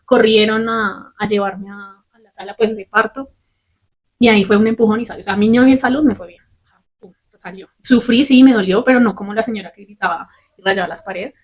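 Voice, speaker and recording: A young adult woman, a podcast host telling a personal story candidly and with animation. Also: mid-range voice. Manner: candid, fast and animated, swears casually.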